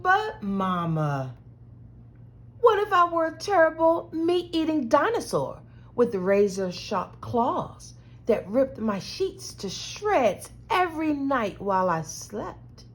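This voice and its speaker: A woman's voice: sits high, sing-song, slow pace, full character voice. A woman voicing an anxious, imaginative small child in a picture book, pleading with Mama in a dramatic, wide-eyed way. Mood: dramatic worry.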